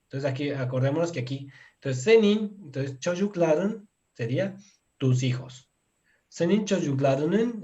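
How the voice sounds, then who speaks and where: Man teaching slowly, dull lo-fi sound. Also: a little high. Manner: explains slowly, spells out words syllable by syllable; relaxed, chuckles now and then. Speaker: Turkish language teacher. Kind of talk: casual video lesson.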